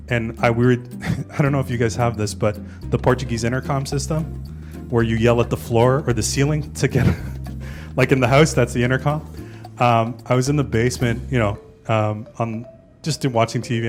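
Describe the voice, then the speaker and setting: Chatty stand-up comedian in his forties. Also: medium pitch. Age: 40s. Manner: chatty, tags lines with "right?". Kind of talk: casual interview and stand-up set.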